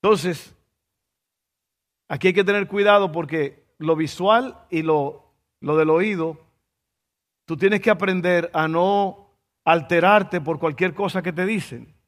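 High-voiced preacher man in a hall. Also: slow, long pauses. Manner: lively storytelling with rhetorical questions. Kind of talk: sermon.

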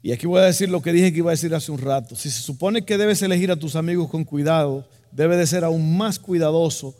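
A man preaching a lively sermon as pastor, acting out voices and joking with the congregation. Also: on the high side, brisk, in a large hall.

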